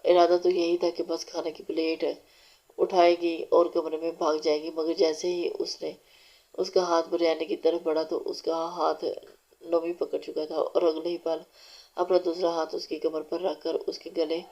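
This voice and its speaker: Audiobook narrator: woman, low and even, mellow tone, dull lo-fi recording. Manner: steady, unhurried reading with small restarts. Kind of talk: reading a romance novel aloud.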